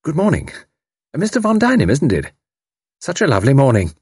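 A man voicing a chatty middle-aged Englishwoman with a crisp, twittering, compelling way of talking. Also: fairly high pitch, wildly swooping pitch, fairly quick, a little mellow, no echo, studio quality, voice pushed up, full character voice.

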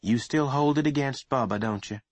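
A woman's voice: low-pitched, big pitch swings, moderate pace, breathy edge, no room sound, voice pushed up, heavily acted. A man voicing a pushy, self-pitying middle-aged mother in an audiobook, insistent and plaintive. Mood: aggrieved. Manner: insistent, wheedling, turning plaintive.

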